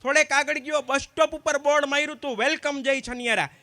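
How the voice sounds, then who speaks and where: Man, stand-up comedian, very high voice, dry sound, acts out both sides of each dialogue. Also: steady tone, bright, forceful tone, no echo. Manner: quick anecdotal storytelling, acting out both sides of each exchange. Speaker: stand-up comedian at a community gathering. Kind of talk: live stand-up joke telling.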